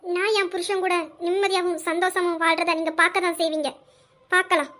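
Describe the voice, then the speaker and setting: A woman playing a loyal young wife in an audio drama, her voice very high and bright. She stands her ground steadily and without flinching. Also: brisk. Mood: defiant. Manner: steady, defiant. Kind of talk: amateur Tamil audio drama.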